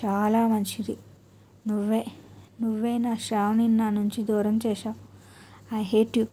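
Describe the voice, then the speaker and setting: A woman voicing a drunk, childish young husband in a storybook who talks slowly and sulkily. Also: fairly high pitch, little pitch movement, dark tone. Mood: sulky.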